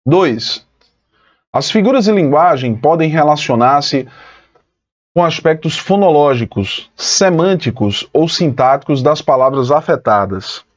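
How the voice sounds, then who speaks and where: Lively teacher man, dull lo-fi sound. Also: a little high, unhurried. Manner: lively, explanatory, addresses students as "pessoal". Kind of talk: online exam-prep lesson.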